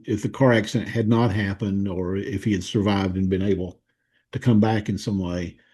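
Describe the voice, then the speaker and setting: A man from Tennessee with a Southern accent, a guest historian recalling details thoughtfully in a conversational interview, pausing to search for words. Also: fairly low pitch, fairly even intonation, warm tone, breathy edge.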